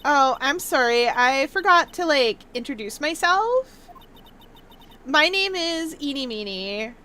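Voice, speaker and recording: A bubbly, ditzy sorority-style college girl from a video game, played by a woman. She has a Valley Girl accent and turns statements into questions. Her bright voice swings widely as she stumbles happily through filler words. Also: high voice, expressive, takes it slowly, exaggerated voice. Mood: perky, clueless. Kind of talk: video game voice-over read-aloud.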